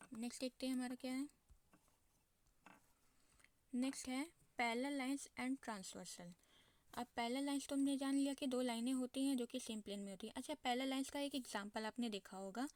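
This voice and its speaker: A woman's voice: a little high, a little mellow, no room sound. A woman teaching a maths lesson, asking herself questions and answering them, often checking in with her class. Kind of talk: explaining a lesson at a board.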